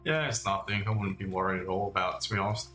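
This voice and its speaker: His voice low, bright, and forceful, a man talks fast on his live trading stream, giving easygoing market commentary and treating viewers as mates, calling them "mate" and "guys." He's on the mend from a cough and a lost voice. There's a roomy echo with faint music behind him.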